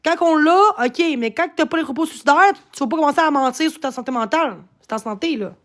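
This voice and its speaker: A woman's voice: high voice, lively intonation, fast. A woman with a Québécois French accent talking on a live stream, agitated and rambling, swearing often as she complains. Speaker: livestreamer. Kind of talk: casual live-stream rant.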